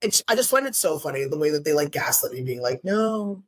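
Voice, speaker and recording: A woman's voice: quick pace, breathy edge. A woman comedian chatting on a podcast, telling stories with energy and acting out other people's lines. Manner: animated storytelling, acting out quotes in bursts of high pitch. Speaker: stand-up comic guest. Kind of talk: casual podcast chat.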